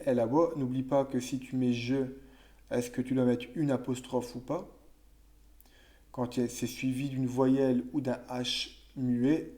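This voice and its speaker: A teacher with a mellow, relaxed voice of ordinary pitch explains French grammar to young children. His manner is casual and conversational, as he muses aloud with fillers, small restarts, and self-corrections.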